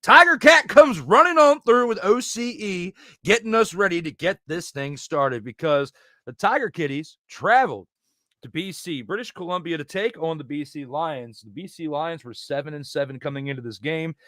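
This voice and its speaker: A man hosting a casual football talk show, joking and rambling with quick asides. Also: a little high, lively intonation, pushed and bright, dry recording, studio quality. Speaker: podcast host. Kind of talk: casual sports chat.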